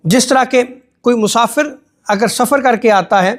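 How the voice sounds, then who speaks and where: A man giving a religious lecture as an Islamic preacher, calm and explanatory, rephrasing each point. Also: very high-pitched.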